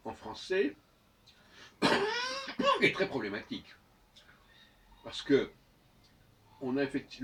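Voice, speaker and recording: A man giving an unscripted spoken lecture, hesitant, often restarting phrases and slowly spelling letters out. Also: mid-range voice, fairly bright tone, recorded from a distance. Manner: hesitant, restarts phrases, frequent "euh" and "hein". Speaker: speaker of his own channel.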